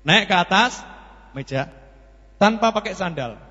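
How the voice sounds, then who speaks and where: A man with a Javanese accent preaching a sermon, animated and telling stories, acting out the dialogue as he goes. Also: sits high, a little slow, breathy edge. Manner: animated, acts out dialogue in the story, mixes in Javanese. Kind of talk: sermon with storytelling. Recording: lo-fi echoey hall.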